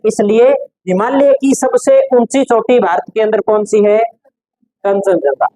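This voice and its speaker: Male teacher dictating notes slowly. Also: high voice, darkish tone, no echo, low-quality recording. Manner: repeats key phrases slowly for note-taking. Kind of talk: classroom lecture dictating notes.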